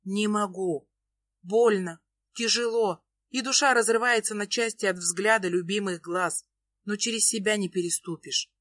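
Woman narrator, emotional measured first-person reading, dry close mic. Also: medium pitch, a bit bright, no room sound. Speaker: audiobook narrator.

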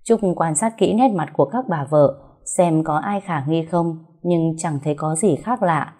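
A woman narrating a dramatic folk story in a calm, measured storytelling voice. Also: sits low, breathy edge.

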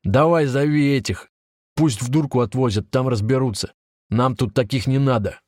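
A man voicing a harsh, bullying older police officer who shouts crude, scornful questions. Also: medium pitch, normal speed, no echo, studio quality, voice pushed up, lightly acted. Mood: yelling, contemptuous. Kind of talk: audiobook narration.

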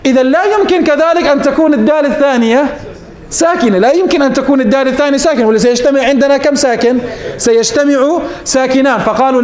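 A man's voice: very high-pitched, reverberant. A man teaching morphology as a sheikh, posing questions to his students and answering them himself. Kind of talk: classroom lesson.

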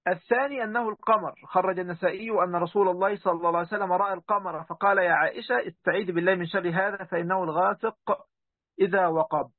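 With a high voice, fairly even intonation and a quick pace, an Egyptian-accented sheikh reads and explains passages for his online students, chatting directly to them and stopping mid-word at times. The sound is narrow and tinny, with no room sound.

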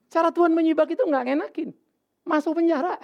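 A male pastor preaching a sermon in a casual, animated way, with sudden loud outbursts and English words mixed in. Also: extremely high pitch, fast, gravelly. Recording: dull lo-fi sermon recording.

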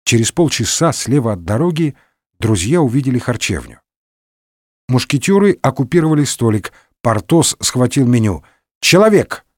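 A man narrating a comic story in an expressive, ironic storybook manner. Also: medium pitch, moderate pace, no echo, studio quality.

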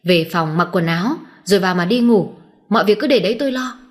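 A woman voicing a scheming young mistress who gives hurried, clipped orders to cover up a crime. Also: mid-range voice, expressive, natural voice. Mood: urgent. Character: scheming young mistress, cold and quick-thinking.

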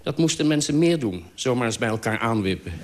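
A man's voice: medium pitch, lively intonation, fairly quick, natural voice. A man voicing a cheerful, chatty woman, the friend's wife, in a comic spoken radio story. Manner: brightly upbeat.

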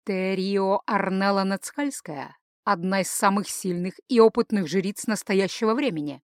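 A woman voicing a deliberate male companion in a fantasy audiobook, weighing each word. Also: medium pitch, dry recording, clean studio sound, lightly acted. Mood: measured.

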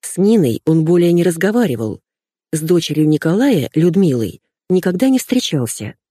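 Expressive woman reading an audiobook. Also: on the low side, moderate pace, husky, no echo, clean studio sound. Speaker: audiobook narrator. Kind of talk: first-person audiobook narration.

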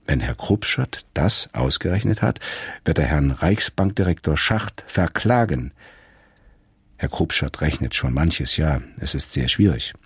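A man reading a radio story aloud in a calm, measured storytelling manner. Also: rumbling low, husky, dry recording, studio quality. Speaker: narrator.

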